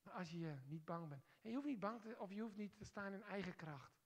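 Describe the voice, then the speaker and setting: A woman preaching a sermon in a church, speaking emphatically and pushing hard on key phrases, then turning quiet and soft as she leads a prayer. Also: medium pitch, expressive, fairly quick.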